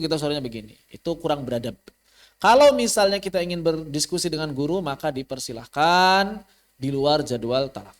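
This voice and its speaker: A man teaching a recorded online tajwid class, explaining rules casually and repeating key points for emphasis, then chanting example verses slowly and melodically. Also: fairly high pitch.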